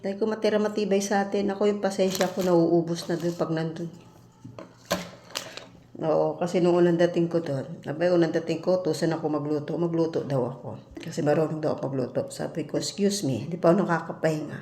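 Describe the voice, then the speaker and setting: A Filipina domestic worker abroad with a low-sitting voice talks a little fast in a casual vlog, recorded in an echoey room with slight background noise. She bluntly and animatedly retells a story, acting out the quoted arguments.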